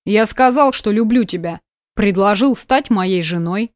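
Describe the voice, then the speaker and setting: A woman's voice: medium pitch, a little slow, no room sound, natural voice. Brief: female reader doing a tense, bitter young man pleading his case, audiobook, dry close sound. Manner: tense, earnest, controlled then bitter. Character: young man, frustrated boss, earnest. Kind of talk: audiobook dialogue.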